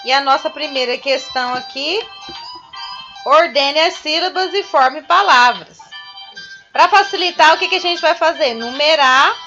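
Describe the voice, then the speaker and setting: Woman teacher, patient step-by-step explaining, high bright voice, faint music behind. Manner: slow, patient step-by-step explaining to young children. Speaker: primary school teacher. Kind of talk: recorded remote class lesson.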